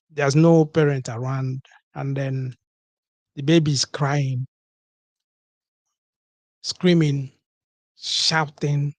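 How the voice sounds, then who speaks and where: A man giving an animated comedic monologue on a livestream, acting out little exchanges between couples and often checking in with "you understand?". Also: on the high side, creaky, no echo. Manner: animated, acts out couples' dialogue, keeps asking "you understand?". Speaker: comedic commentator.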